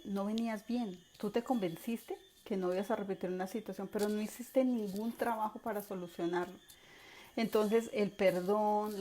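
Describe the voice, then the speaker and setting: A woman teaching an online course in a mellow, warm voice. She speaks with lively emphasis, repeating words and acting out everyday examples. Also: medium pitch, slight background noise. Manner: animated, acts out examples with repetition.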